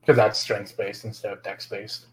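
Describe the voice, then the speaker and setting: A man's voice: lowish voice, flat delivery, moderate pace, a little hiss or hum. A man playing a tabletop role-playing game, talking casually as one of the players.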